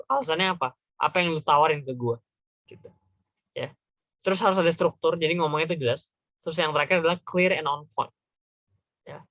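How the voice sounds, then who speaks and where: Bright, chatty young man teaching. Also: a little high, no echo. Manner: slangy, chatty, repeats points with "gitu ya". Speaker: workshop tutor. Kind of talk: casual online class lecture.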